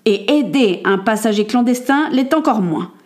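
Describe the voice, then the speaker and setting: A woman's voice: fairly high pitch, lively intonation, normal speed, a little mellow, natural voice. A woman playing a stern ship captain. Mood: weary. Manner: commanding, curt.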